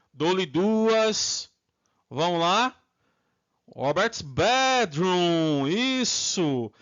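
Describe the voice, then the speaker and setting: A Brazilian man with a Brazilian Portuguese accent teaching English grammar, drilling students with repeated prompts and modeling phrases slowly. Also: fairly high pitch, a bit bright, lo-fi sound. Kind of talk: online English lesson.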